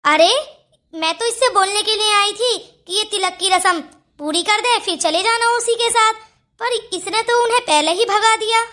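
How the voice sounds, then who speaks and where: A woman's voice: very high-pitched, moderate pace, sharp tone. A fussing cartoon mother. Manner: fussy, scolding. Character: older mother, fussing and scolding. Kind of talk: cartoon voice acting.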